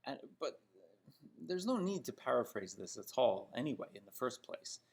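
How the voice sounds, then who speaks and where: A Toronto English teacher with a Canadian accent critiques example sentences in a spoken lesson, emphatic and didactic, often checking in with questions. His medium-pitched voice is gravelly and husky, very animated, at a moderate pace.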